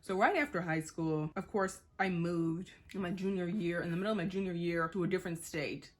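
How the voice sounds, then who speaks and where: Young woman vlogger in her twenties, from Boston; rambling casual chat with lots of fillers and acted-out quotes, lower-pitched voice. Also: fairly even intonation, fairly quick. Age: 20s. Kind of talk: casual chat while getting ready.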